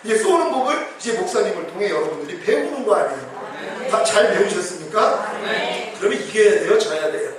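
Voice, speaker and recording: A man's voice: high-pitched, sing-song, fairly quick, a crowd in the background. A male pastor preaching an emphatic revival sermon, acting out quoted prayers. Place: church hall. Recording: very echoey hall, distant mic.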